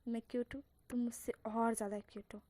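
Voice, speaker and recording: A woman's voice: fairly high pitch, flat delivery, fast, mellow, no room sound, close to an everyday voice. A woman reading a teasing young man.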